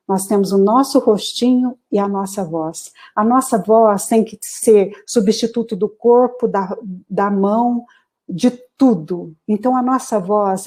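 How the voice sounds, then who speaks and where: A middle-aged woman speaking as the guest expert in a live online interview, explaining at length in an animated, emphatic way over a video call. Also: medium pitch. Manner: animated, lecturing, emphatic slowdowns.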